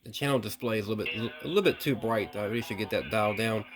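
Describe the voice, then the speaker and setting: Crowd noise fills the background as a man with a fairly low voice talks in rapid-fire bursts. He's a vlogger trying out old CB radios, demonstrating them hands-on without a script and thinking aloud with some hesitation.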